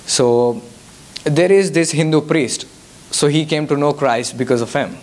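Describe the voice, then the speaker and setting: Speaking as a guest at a church youth service, a young man from India answers questions from the audience in Telugu-accented English, Telugu being his native tongue. His voice sits fairly high and sounds darkish, with a measured pace and hesitant delivery full of fillers and restarts.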